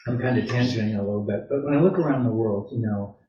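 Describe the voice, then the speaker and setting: A male pastor preaching a sermon in a relaxed, conversational way, drifting into asides and correcting himself as he goes. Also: on the low side, quick pace. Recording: roomy, distant, dull church PA recording.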